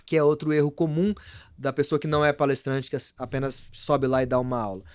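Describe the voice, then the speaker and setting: Fast-talking Brazilian man, dry close sound. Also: mid-range voice, clear, resonant tone, no echo. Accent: Brazilian Portuguese. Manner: animated, varies pace and loudness for effect. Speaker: guest, speaker and speaking mentor. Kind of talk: podcast interview, explaining.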